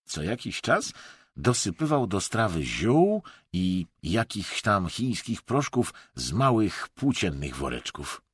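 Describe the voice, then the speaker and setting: Husky, slow male audiobook narrator. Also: lowish voice, sing-song, dry recording, clean studio sound.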